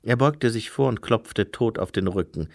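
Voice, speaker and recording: A man narrating an audiobook in a measured, expressive way. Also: fairly low pitch, creaky, no echo, clean studio sound. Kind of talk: scripted narration.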